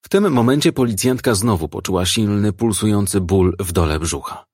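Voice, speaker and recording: Low, husky male audiobook narrator. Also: animated, moderate pace, a little mellow, no echo, clean studio sound. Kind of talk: audiobook narration of a crime novel.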